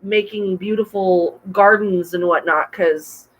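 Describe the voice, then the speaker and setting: A woman co-hosting a casual livestream chat, bubbly and quick to laugh, with a bit of a cough. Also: medium pitch, rough recording. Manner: bubbly, laughs often, chatty with viewers. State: coughing, throat trouble. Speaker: podcast co-host. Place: home room, livestream with wine.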